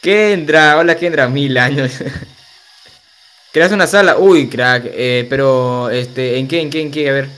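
A man's voice: mid-range voice, slow, fairly bright tone. A young man, streaming a game and chatting casually with viewers, loose and slangy with frequent laughs. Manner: loose, slangy, reads chat aloud and laughs often. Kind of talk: casual livestream chat while gaming. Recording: faint music behind.

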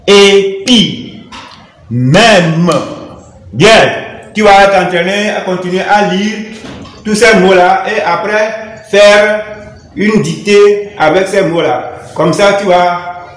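A male teacher with a Togolese French accent giving a reading lesson to young children, patiently spelling out letters and syllables one by one. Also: high-pitched. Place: classroom. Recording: echoey room, voice away from the mic.

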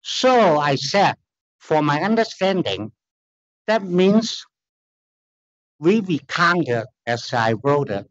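A man with a Chinese accent testifies at a formal hearing, appealing a denial from a lectern in a large room. His voice is fairly high and a bit bright, and the recording has its highs cut off. He speaks slowly and haltingly in non-native phrasing, earnest and insistent.

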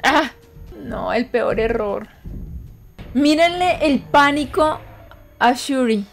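A woman's voice: sits high, animated, slow pace, vocal fry, faint music behind. A woman hosting a reaction video, gasping and exclaiming as she watches an episode.

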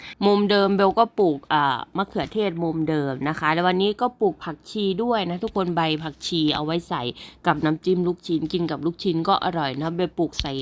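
A young woman with an Isan accent, chatting casually to her viewers as a rural housewife vlogger. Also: on the low side. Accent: Isan Thai. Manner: chatty, keeps addressing viewers as everyone. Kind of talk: casual vlog narration. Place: rural home and garden. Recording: crickets and insects behind.

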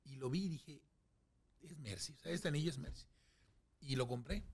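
A man's voice: fairly high pitch, normal speed, breathy edge. A middle-aged man with a Mexican accent, telling a story as a podcast guest in casual chat and acting out the voices in it. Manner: animated, acts out voices in his anecdotes.

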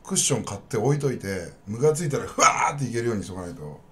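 Animated rambling male live streamer. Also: lowish voice, racing, background noise. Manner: rambling, blunt, addresses viewers directly. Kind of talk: casual live-stream chat.

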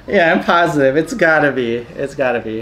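A young man hosting a quiz video in casual, joking, excitable chat. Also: fairly high pitch, a little fast, crowd noise, poor audio. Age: young adult. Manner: animated, excitable. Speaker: host of an anime quiz video. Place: living room couch, indoors. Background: music.

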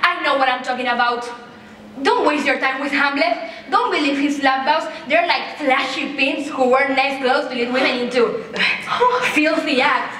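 A distant, heavily echoing stage recording of a woman acting an overbearing comic mother. The voice is high and forceful. She scolds and orders with theatrical, repeated emphasis. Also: normal speed. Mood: scolding. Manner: bossy, theatrical, emphatic repetition. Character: overbearing, scolding, dramatic mother of grown children. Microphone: far camera. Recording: very echoey theater stage, distant mic, faint noise.

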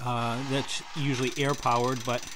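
A man giving a steady, instructive voice-over that explains his welding method step by step. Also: medium pitch, moderate pace, noisy background. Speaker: welding channel host.

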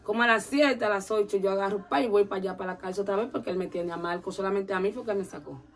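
A woman's voice: mid-range voice, fast. A woman telling a long story in a casual interview, acting out the voices of the people in it. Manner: animated, acts out quoted voices.

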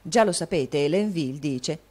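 A woman's voice: low-pitched, lively intonation, moderate pace, a little mellow. A woman reading an audiobook, voicing a gossipy, meddling male actor with an insinuating, confiding tone. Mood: sly gossip.

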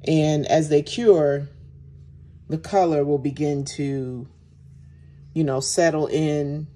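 Woman, low pitch, slow pace, casual demonstration narration, relaxed manner. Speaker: soap maker and host. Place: indoors at home, at a work table.

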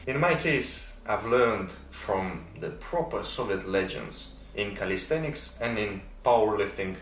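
A young man in his twenties speaks with a fairly low, expressive voice at a slightly slow pace, carrying a Moldovan accent from his native Romanian and Russian. As a fitness creator and athlete, he talks casually and emphatically to camera, repeating words for stress, in an indoor room decorated for Christmas. His small lapel mic sounds distant, with roomy echo and faint noise.

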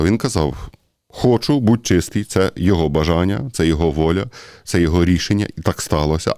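A man's voice: sits low, a little mellow, no room sound, clean studio sound. A man with a Ukrainian accent giving a conversational sermon-style Bible commentary, speaking directly to his listeners and often hesitating. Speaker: priest.

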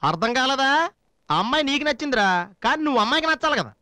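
A man's voice: very high-pitched, sing-song, pushed and bright, no room sound, clean studio sound, heavily acted. An actor playing a chatty young male sidekick who rattles off comic advice to his friend. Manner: rapid, rambling advice-giving. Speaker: film actor. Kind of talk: comic film dialogue.

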